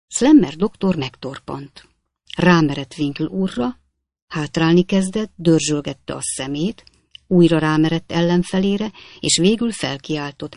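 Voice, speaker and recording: Dry, measured audiobook narrator. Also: medium pitch, vocal fry, a little mellow, no echo. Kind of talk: scripted narration of a classic novel.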